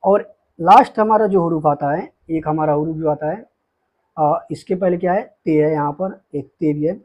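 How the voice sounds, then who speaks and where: A man teaching beginners the Urdu alphabet, patiently explaining each letter and often checking with a quick "okay". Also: a little high, dull audio. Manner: slows down to spell out letters.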